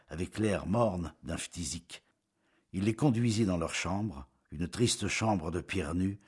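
Brief: male audiobook narrator for a classic novel, steady and measured, low-pitched with a very husky, breathy tone. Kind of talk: scripted literary narration.

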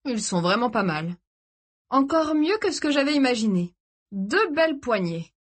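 A woman reading the part of a cruel young male captor who taunts his prisoners in a mock-gentle way. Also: fairly high pitch, very animated, normal speed, voice pushed up.

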